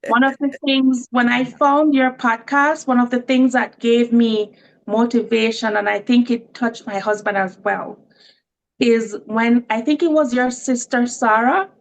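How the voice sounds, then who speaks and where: A woman speaks earnestly to other parents, leaning on faith and trust in God. Her voice sits a little high, and she sounds like she is preaching. She is a guest on a podcast. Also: steady tone, unhurried, lo-fi sound. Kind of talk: faith-filled encouraging talk.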